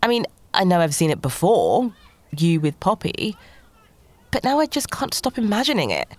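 An actress playing a flustered, defensive, sharp-tongued woman who hopes to start a family, in an audio drama. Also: mid-range voice, huge pitch swings, normal speed. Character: queer woman planning a baby, flustered, defensive. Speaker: actor.

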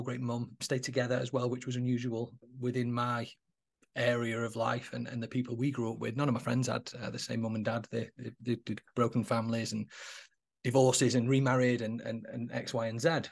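Mancunian man, 40s, gravelly mid-range voice, relaxed podcast-guest chat. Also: medium pitch. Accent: Manchester English. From Manchester, England. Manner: conversational, frequent restarts, calls the host mate. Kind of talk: casual chat.

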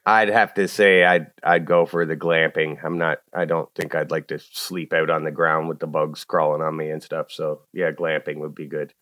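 A man who is a podcast guest, answering questions in a relaxed, casual way. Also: extremely low pitch, normal speed, hardly any pauses, no room sound. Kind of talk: casual chat.

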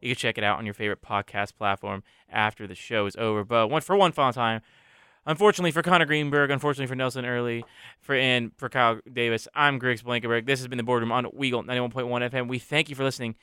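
A man's voice: medium pitch, fairly even intonation, quick pace, sharp tone, smooth, no room sound. A young man hosting a college radio sports talk show in a studio, laid-back as he runs the segments and signs off. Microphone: studio microphone.

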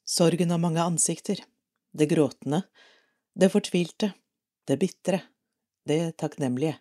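A Norwegian woman reading a devotional article aloud for an audio edition of a parish magazine, calm and measured. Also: sits low.

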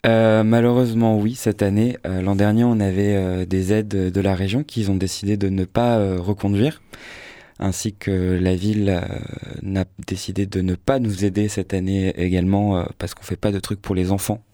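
A man with a low, mellow voice speaks as a radio guest in a dry studio. He talks loosely and relaxed, stumbling over fillers and restarting his sentences as he goes. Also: normal speed, no room sound. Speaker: festival programmer, guest. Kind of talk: casual radio interview.

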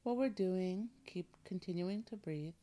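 A woman hosting guided breathing in a soothing, intimate coaching manner, her soft voice often dropping toward a breathy near-whisper. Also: lowish voice, a little slow. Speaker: host of a wellness show. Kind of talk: guided breathing and relaxation talk.

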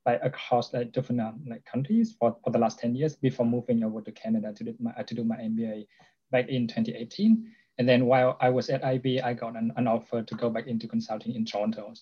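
A man from Vietnam introduces himself as an alumnus panelist, halting and filling gaps with "like." His husky voice comes through dull webinar audio. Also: medium pitch, level tone. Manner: halting, many "like" fillers.

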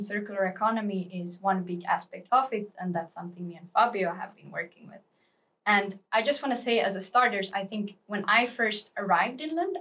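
A young woman from Finland talks as a student guest on a podcast, explaining her ideas in a thoughtful, steady way. Her pitch is in the middle for a woman. She sits a little back from the microphone. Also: far from the mic. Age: young adult. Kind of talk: casual interview talk.

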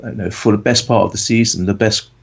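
A man in his thirties from England, co-hosting a football podcast in a relaxed, rambling way with many fillers. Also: fairly low pitch, fast, gravelly, husky. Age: 30s. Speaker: podcast co-host. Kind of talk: casual chat. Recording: dull lo-fi audio.

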